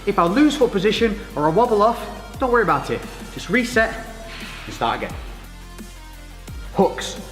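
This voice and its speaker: A man's voice: high-pitched, big pitch swings, moderate pace, long pauses, fairly bright tone. Guy teaching a boxing workout step by step, encouraging, super echoey, music behind him. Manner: encouraging step-by-step coaching, informal. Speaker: boxing fitness coach. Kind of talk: instructional workout demonstration. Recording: echoey reverberant room with music.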